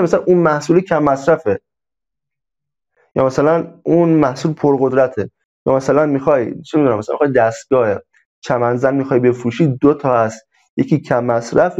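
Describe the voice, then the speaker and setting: A man teaching in a relaxed, casual way, circling back over his examples and filling pauses with "uh". His voice is warm and mellow. The audio is a little dull, like a modest home recording. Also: mid-range voice. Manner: conversational, repeats examples, many fillers. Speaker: online sales instructor. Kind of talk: casual spoken lesson.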